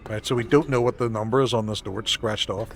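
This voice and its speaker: A man's voice: lowish voice, fairly even intonation, quick pace, creaky, slight background noise. A man with a Derry accent, thinking aloud and chatting casually, with some swearing, during co-op gameplay. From Derry, Northern Ireland. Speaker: streamer. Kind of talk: casual co-op gaming stream chat.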